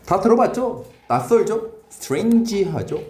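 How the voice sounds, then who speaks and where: A high-voiced man runs a brisk English grammar lesson in a reverberant classroom, firing questions at his students. He mixes Korean and English as he walks through each sentence. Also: expressive, a little mellow. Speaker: English teacher.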